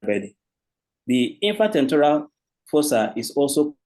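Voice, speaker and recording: A man with a Nigerian accent presenting a medical lecture, formal and halting, restarting his sentences. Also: on the high side, big pitch swings, warm tone, low-quality recording. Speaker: presenting doctor.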